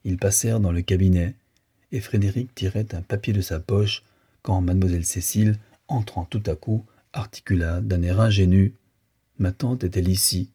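A man reading a classic novel aloud as an audiobook narrator, in a measured, even manner. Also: low voice, husky. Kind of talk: scripted literary narration.

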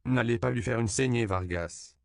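A man voicing an indignant, sharp-tongued male priest in an audiobook. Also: deep voice, level tone, fairly quick, dry recording, studio quality, voice pushed up. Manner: indignant, stern.

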